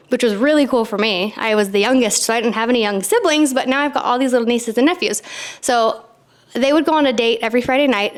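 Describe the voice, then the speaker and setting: Chatty woman telling a story. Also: a little high. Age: 30s. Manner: animated, chatty storytelling with frequent "like" fillers. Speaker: podcast host. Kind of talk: solo storytelling podcast.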